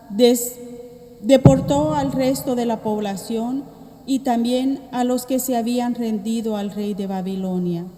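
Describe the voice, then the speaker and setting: Female church lector, unhurried solemn scripture reading, slightly high voice, long reverberant church echo. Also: warm tone. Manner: solemn, deliberate. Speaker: lector at Mass.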